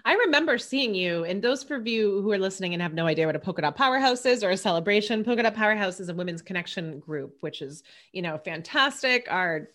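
A woman's voice: mid-range voice, fairly bright tone. A woman hosting an interview podcast, chatty and enthusiastic, casually swearing as she praises her guest. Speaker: podcast host.

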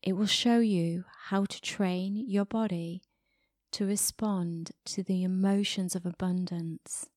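A woman podcast host giving a slow, soothing guided meditation, sometimes dropping to a whisper. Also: fairly low pitch, fairly even intonation, darkish tone, no room sound, clean studio sound.

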